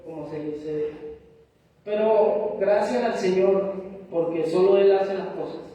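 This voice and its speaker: A man's voice: sits high, takes it slowly, warm tone. A Venezuelan man preaching a sermon earnestly, dropping frequent amens and acting out little dialogues. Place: church hall. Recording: distant, dull, echoey church hall sound.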